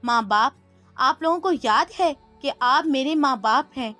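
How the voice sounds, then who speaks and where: A woman's voice: high voice, pushed and bright, soft background music. A woman voicing a hurt young mother who speaks coldly and accusingly, read out in a storybook. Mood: bitter. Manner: cold and accusing.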